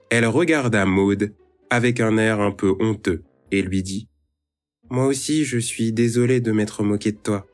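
A man narrating a children's story in a calm, expressive read-aloud manner. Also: on the low side. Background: faint music.

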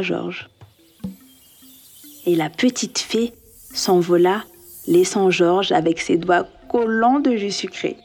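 A woman narrating a children's story softly, at times dropping to a whisper. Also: lowish voice. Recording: soft music behind the reading.

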